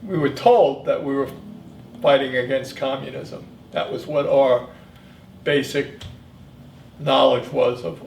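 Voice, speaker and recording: A man in his seventies, a military veteran, reminiscing in an interview in a halting, reflective way. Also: medium pitch, darkish tone. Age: 70s. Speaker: Vietnam veteran being interviewed. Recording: echoey room, distant mic, faint noise.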